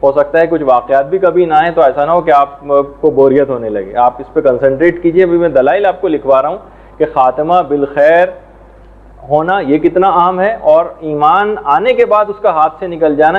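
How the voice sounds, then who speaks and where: A man teaching a religious lesson in a measured, explanatory way, now and then reciting Arabic prayers and verses. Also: a little high. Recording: tinny phone-like sound.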